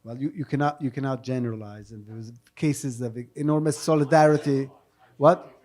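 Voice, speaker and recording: Moderating a public panel at a live event with audience questions, a man explains and translates on the spot, carefully and with frequent self-corrections. His mid-range voice is steady, slightly quick, and a bit mellow. The talk is spontaneous panel answers mixed with spoken translation.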